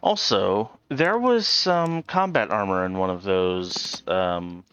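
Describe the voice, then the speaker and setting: A man's voice: low-pitched, animated, takes it slowly, fairly bright tone, clean tone, muffled recording. A man explaining a game to a friend in casual chat, patient and hesitant with many ums, tired after waking very early. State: tired, awake since early morning. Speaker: co-host guiding a friend's game. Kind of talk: casual let's play chat.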